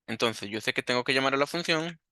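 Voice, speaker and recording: A man's voice: medium pitch, quick pace, bright, forceful tone, no room sound, clean studio sound. A man teaching a coding lesson, thinking aloud and asking himself questions as he works. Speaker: programming teacher. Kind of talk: screen-recorded coding lesson.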